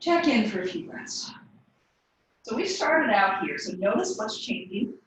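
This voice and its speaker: A woman teaching a yoga class, giving calm cues timed to the breath. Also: mid-range voice, measured pace, slight background noise. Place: yoga studio. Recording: echoey room, voice from a distance.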